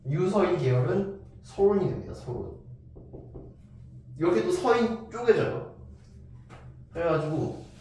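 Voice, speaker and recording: Male history lecturer, chatty storyteller who acts out quotes; slightly high voice, distant mic. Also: sing-song, unhurried, long pauses, a little mellow, a little hiss or hum. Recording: very echoey room, voice from far off.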